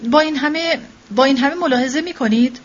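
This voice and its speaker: A woman's voice: fairly high pitch, very animated, a bit bright, husky, lo-fi sound, pitched above the performer's own voice, exaggerated voice. A woman voicing an anxious, proud young mother who speaks in an emotional, insistent way.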